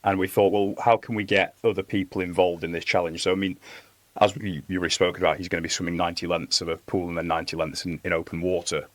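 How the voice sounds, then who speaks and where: A young man speaking earnestly as a podcast guest, halting with fillers. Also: low voice, level tone, no room sound. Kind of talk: casual interview talk.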